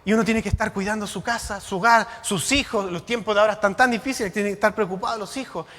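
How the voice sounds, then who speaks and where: Male pastor, high voice, sermon in a reverberant church hall, rhetorical questions. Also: fairly even intonation, fast talker. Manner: rhetorical questions, shifting between loud and quiet.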